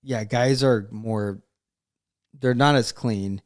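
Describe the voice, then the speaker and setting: A man's voice: medium pitch, takes it slowly, dry recording, studio quality. An American man co-hosting a casual advice chat, plain-spoken and opinionated, often acting out imagined quotes as he talks. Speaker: co-host giving dating advice.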